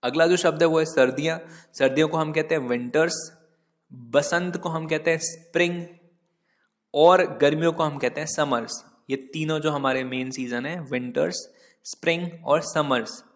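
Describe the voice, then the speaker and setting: A man with a somewhat raised pitch teaches vocabulary from slides. He is slow and patient and spells each word out letter by letter. His voice carries a long, lingering reverb. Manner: corrects his own typos mid-lesson. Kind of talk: slide-based vocabulary lesson.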